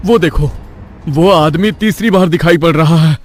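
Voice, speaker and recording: A man voicing a nervous young husband in an animated horror story, talking in an anxious, excited way. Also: on the high side, normal speed, faint music behind, pitched above the performer's own voice, natural voice.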